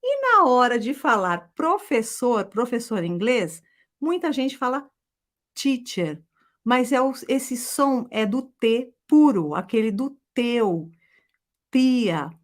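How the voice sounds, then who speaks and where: A middle-aged woman, teaching a live online English lesson in a lively, chatty way. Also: a little high, slow pace. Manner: lively, chatty, often adds "tá?".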